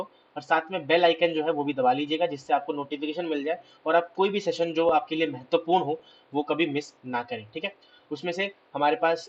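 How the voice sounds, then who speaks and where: A hoarse man teaching a math lecture, asking questions and answering them himself. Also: on the high side, lo-fi sound, a little hiss or hum. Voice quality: clears his throat. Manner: explains step by step, asks and answers his own questions. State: hoarse, scratchy throat.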